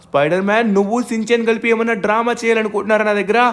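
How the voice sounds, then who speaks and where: A man hosting a gaming channel, voicing himself in a game role-play, excitable and prone to stammering and loud outbursts. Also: high voice, rapid-fire.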